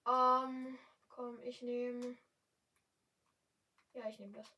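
Young woman gaming and chatting in standard german, gets all excitable, sounds kinda far from the mic. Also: on the high side, drawn-out words. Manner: chatty, excitable, yelps and exclaims often. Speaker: gamer streamer. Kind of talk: casual gameplay commentary.

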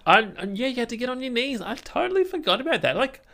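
A man's voice: very high-pitched, big pitch swings, fast, gravelly, bright, forceful tone. A man co-hosting a podcast, chatting casually, full of fillers and often ending with "right?". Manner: chatty, filler-heavy, ends lines with "right?". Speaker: podcast co-host. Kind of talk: casual chat.

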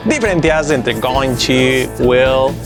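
A man's voice: mid-range voice, animated, takes it slowly, music in the background. A man with a Spain Spanish accent teaching English as a video lesson, emphatic and repeating example sentences.

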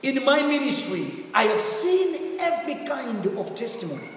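Male preacher, strikingly high pitch with wide swings, fervent and repetitive, recorded in a reverberant space. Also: normal speed. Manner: animated, repetitive, rhetorical questions. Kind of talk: fervent sermon with personal testimony. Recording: roomy echoing hall, distant mic, faint noise.

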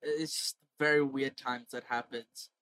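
A young man from India co-hosting a podcast in casual comedic banter, animated, crude and full of swearing. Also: mid-range voice, normal speed, clear, resonant tone, no echo. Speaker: podcast co-host.

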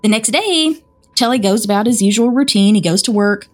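A woman's voice: mid-range voice, animated, a little fast, faint music behind. A woman with a Southern American accent, co-hosting a podcast and chattily retelling a spooky story. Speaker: podcast co-host. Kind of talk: casual storytelling chat.

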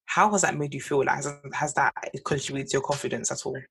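A young woman with a husky voice, co-hosting a casual podcast and rephrasing thoughtfully as she explains. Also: rumbling low, fast, fairly bright tone. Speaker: podcast co-host. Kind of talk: casual conversational podcast chat.

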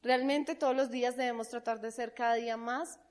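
A woman preaches with a high, bright voice. She fires questions at her listeners and slips into mimicked voices of everyday people as she teaches. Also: fairly even intonation, a little fast. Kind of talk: sermon.

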